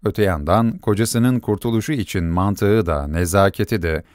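A man narrating a story in a measured, expressive reading. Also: low voice, no room sound, studio quality.

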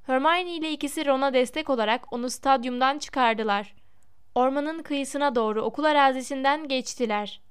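A woman reads a storybook aloud in a measured, expressive way. Her voice sits high and comes through exceptionally smooth and clear. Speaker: audiobook narrator. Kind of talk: storybook narration.

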